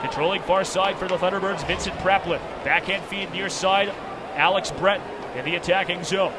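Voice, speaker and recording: A man with a high-sitting voice calls ice hockey live on radio at a moderate pace, working from a broadcast spot perched high above the arena rink. His calls are clipped and in the present tense, climbing into excitement at the big moments, and the recording is very noisy.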